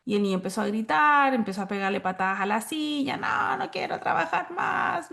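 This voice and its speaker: A woman giving a recorded lecture to teachers, explaining step by step and checking in with listeners often. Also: creaky. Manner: explanatory, checks in with frequent "¿ya?" and "¿cierto?"; acts out quoted lines in a higher voice. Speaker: course instructor. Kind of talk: recorded lecture on child behavior.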